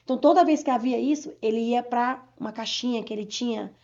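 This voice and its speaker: A woman from Bahia, Brazil, giving an earnest personal testimony in an interview, talking quickly with many restarts. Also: a little high, darkish tone. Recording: dull lo-fi sound.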